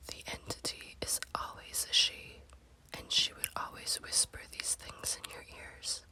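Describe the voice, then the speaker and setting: In a rough recording, a woman narrates a creepy ASMR story series. She speaks in a hushed, breathy whisper, taking her time with each deliberate word.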